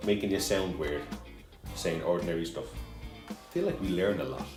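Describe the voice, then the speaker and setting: A lower-pitched man chats his way through a cooking show, joking and wandering off topic as he goes. His voice bounces around a roomy home kitchen, with faint music under it. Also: moderate pace. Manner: joking, rambling, chatty. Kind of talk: casual cooking chat.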